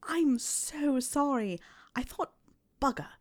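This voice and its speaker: A woman reading aloud, voicing a clever, bossy teenage witch who is prim and quick to lose patience. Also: fairly high pitch, big pitch swings, darkish tone, pitched above the performer's own voice. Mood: exasperated. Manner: prim, exasperated, quick-tempered.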